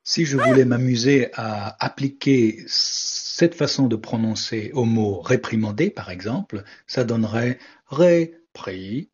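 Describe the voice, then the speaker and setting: A man, a language teacher, narrating a scripted explanation in a measured, wry way. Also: mid-range voice, breathy edge. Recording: dull lo-fi recording.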